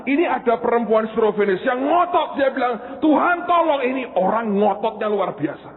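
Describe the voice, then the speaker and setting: Animated preacher. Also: male voice, high-pitched. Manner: animated storytelling, swinging between loud and hushed. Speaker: pastor. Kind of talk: sermon. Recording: echoey hall on a tinny line.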